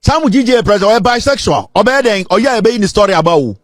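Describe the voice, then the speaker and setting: A man delivers heated radio commentary and reels off complaints. His voice is high, and it sounds close and dry. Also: expressive, fast talker, dry recording.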